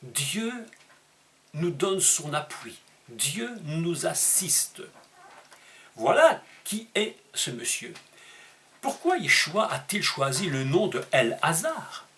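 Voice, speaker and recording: A man preaching a sermon, emphatic and teaching, asking rhetorical questions and leaping up in pitch on key words. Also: sing-song, fairly bright tone. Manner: emphatic teaching tone with dramatic pitch leaps and slowed stressed words.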